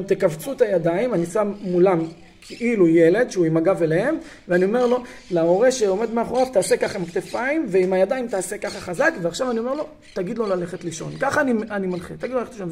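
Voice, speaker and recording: A man gives a recorded lesson to a group of parents. He talks to them directly and brings scenes from family life to life as he goes. He keeps checking that his listeners are following along. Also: high voice. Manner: animated, acts out scenes, often asks "you understand?".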